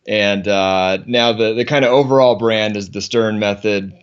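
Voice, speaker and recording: A man from the United States, a podcast guest, talking in an easygoing, halting way with many restarts. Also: on the low side, steady tone, smooth, muffled recording. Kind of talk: casual interview chat.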